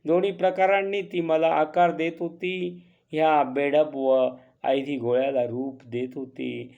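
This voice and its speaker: A man reading a classic story aloud in a measured, earnest way. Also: fairly high pitch, little pitch movement, creaky, darkish tone, lo-fi sound.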